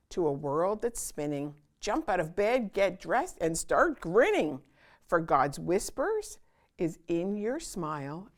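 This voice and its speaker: Her voice sits in the middle range as she hosts storytime for kids. She reads a picture book out loud in a lively, sing-song way, pausing for dramatic effect.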